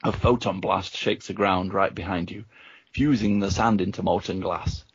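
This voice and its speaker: A man's voice: sits low, steady tone, normal speed, breathy edge, dry recording, lo-fi sound. A man reading a gamebook aloud to friends on a podcast, chuckling through the story. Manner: reads the story with chuckles and asides.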